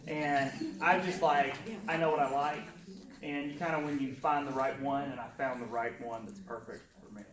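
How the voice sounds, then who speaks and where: A man's voice: mid-range voice, fairly even intonation, moderate pace, crowd noise. A man who is a guest artist, chatting casually and with self-deprecating humor while answering audience questions at a painting demo. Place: meeting room before a seated audience. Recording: echoey room, distant mic, audience noise.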